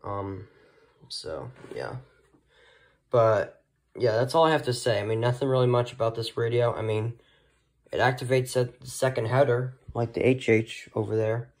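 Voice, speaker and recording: Speaking at a medium pitch with a somewhat dark tone, this vlogger gives an informal tour of his weather radios. He isn't working from a script, so his talk comes out halting, rambling and unsure.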